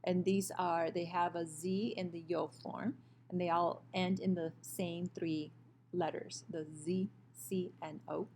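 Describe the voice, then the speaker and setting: A woman with a low, gravelly voice walks through a recorded grammar lesson over a screen share. She explains patiently, often pausing on fillers and correcting herself. A faint hum sits under the computer-mic recording. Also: fairly even intonation, a little mellow. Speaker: Spanish teacher.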